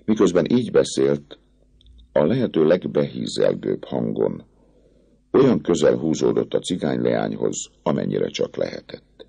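A man reading a classic novel aloud as an audiobook narrator, in an expressive, dramatic way. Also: rumbling low, gravelly, husky, no room sound.

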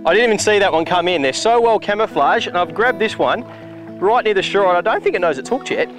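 Excitable Australian fishing host outdoors. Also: male voice, high-pitched, quick pace, music in the background. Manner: excitable, whoops when fish strike. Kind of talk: on-location fishing demonstration. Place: outdoors on a river beach.

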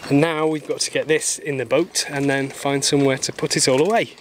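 A man's voice: mid-range voice, steady tone, brisk, a little hiss or hum. A man in his thirties, hosting a sailing vlog and chatting as he explains boat chores. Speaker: vlog host. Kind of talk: casual vlog narration. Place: aboard a moored sailboat.

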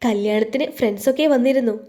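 A woman voicing a tender, nervous young husband who murmurs softly and intimately in a romance audio story. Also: fairly high pitch, fast, lightly acted.

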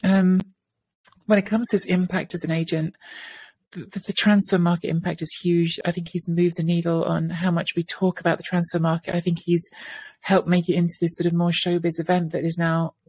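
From a room with bookshelves in her home, a woman in her thirties discusses things casually as a podcast co-host on a video call, wearing an earphone headset. She speaks fairly quickly in a level, low-ish, darkish and slightly rough voice, often restarting and using fillers as she thinks.

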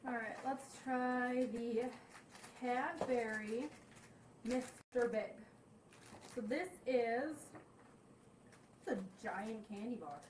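A young woman with a fairly high voice chats through a snack tasting, giving blunt, candid verdicts as she goes. She sits back from the camera mic in a roomy, echoing indoor space. A faint hiss sits under her voice. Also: takes it slowly, distant mic. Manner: chatty, candid reactions while tasting. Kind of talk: casual snack review vlog.

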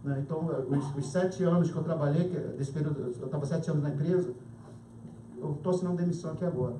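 A male pastor preaches through a story, jumping between his own voice and the voices of others, and laughs as he goes. His voice sits high for a man. It is heard from a distance in a roomy church hall with a faint hiss behind it. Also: quick pace, warm tone. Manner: emphatic, chatty, acts out dialogue, laughs often. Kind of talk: sermon storytelling.

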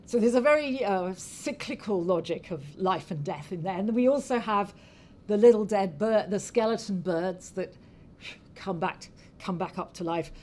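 A woman speaker retelling a folk tale in a talk, unhurried and halting, often restarting her phrases. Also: medium pitch, darkish tone. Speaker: anthropology speaker.

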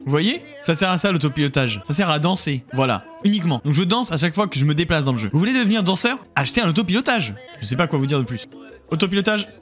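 A man's voice: fairly high pitch, sing-song, fast, a bit bright, soft background music. A man streaming a video game, joking with his chat in a casual, exclamatory way. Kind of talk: casual live-stream gaming commentary.

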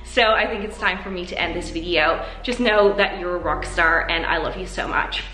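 A woman's voice: lowish voice, normal speed, bright, forceful tone. A woman fitness instructor guiding a home workout, out of breath, upbeat and reassuring. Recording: echoey room, voice from a distance. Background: background music.

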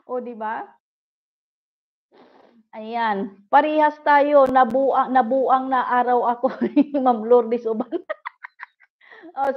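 A middle-aged woman hosting a livestream, chatting casually and politely with viewers and giggling often. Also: sits high. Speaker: livestream host. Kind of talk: casual live chat reading viewer comments. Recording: dull lo-fi livestream audio.

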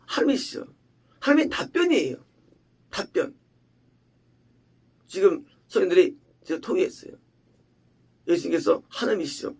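A male pastor with a high-pitched, husky voice preaches an emphatic sermon. He asks rhetorical questions and shifts between loud and hushed delivery.

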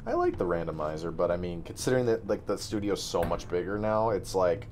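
A man's voice: sits low, sing-song, fairly quick, heavy background noise. A man chatting and laughing while commentating a game, joking and swearing. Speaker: gameplay co-commentator. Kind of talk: casual gaming commentary.

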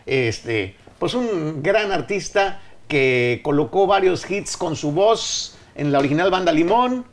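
Middle-aged man hosting a relaxed chat. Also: on the high side, slow pace. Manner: relaxed, joking, slangy. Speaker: host. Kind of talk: casual interview. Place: office studio. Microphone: desk mic on stand.

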